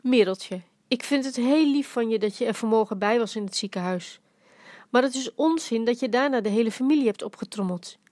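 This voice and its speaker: A woman's voice: on the high side, brisk, a little mellow, no room sound, lightly acted. Storybook grandpa, old man, dry rhyming jokester; woman reader doing him. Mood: teasing. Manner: dry joking, rhyming quips. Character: playful dying grandfather, old man, teasing.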